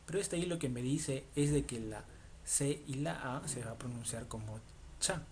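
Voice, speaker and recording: A man's voice: medium pitch, a little mellow, a little hiss or hum. A man teaching an online language lesson, patient and repetitive, often checking in with the listener. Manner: patient, repeats words slowly, asks ¿ok? often.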